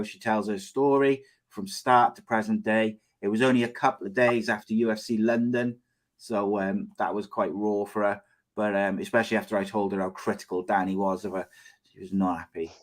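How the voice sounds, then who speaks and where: A man with a Cardiff Welsh accent, chatting and bantering casually as host of a sports podcast. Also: lowish voice. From Cardiff, Wales.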